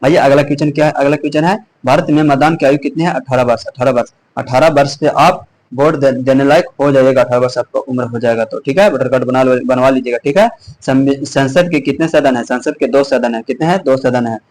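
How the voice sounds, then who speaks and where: A hoarse man teaches an exam revision lesson as a quiz. He asks each question, answers it, then repeats both. His speech is full of small restarts, and his voice sits at an ordinary middle pitch. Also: a little fast, darkish tone, rough recording.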